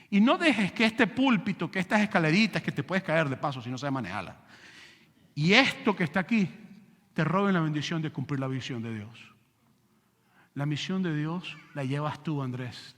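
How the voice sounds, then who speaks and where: A man preaching a sermon as pastor, animated, asking rhetorical questions and acting out scenes. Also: a little high. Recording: long church hall reverb.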